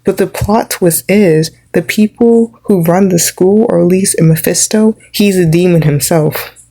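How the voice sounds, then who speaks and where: A young woman vlogger rambles through an opinionated rant, peppering it with "like." Her fairly low voice is mellow and unhurried. The recording quality is poor.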